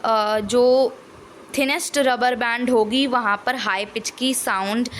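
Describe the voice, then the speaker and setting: A woman teacher explaining a science lesson, mixing Hindi and English and slowly dictating answers. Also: fairly high pitch, steady tone, a bit bright, a little hiss or hum.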